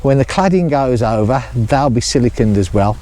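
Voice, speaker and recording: Middle-aged guy rambling on at a building site, warm low-key voice, keeps laughing. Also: lively intonation, normal speed. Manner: chatty, laughs often, rambling restarts. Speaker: vlogger building a chalet. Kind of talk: casual chat to camera.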